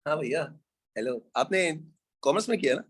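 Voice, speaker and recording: A man's voice: a little high, lively intonation, normal speed, husky. A man lecturing an economics class in an informal way, teasing his students and calling them brother and son.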